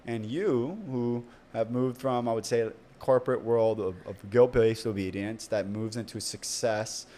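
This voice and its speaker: A man's voice: mid-range voice, steady tone, unhurried, few pauses, dark tone. A man hosting a podcast in a casual, enthusiastic, chatty way. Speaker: podcast host. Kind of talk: casual conversational interview.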